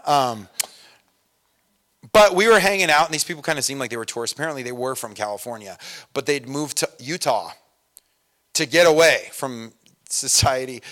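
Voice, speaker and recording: A man preaching a sermon in a conversational way, full of asides and fillers, moving between loud emphasis and quiet storytelling. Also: mid-range voice. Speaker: pastor.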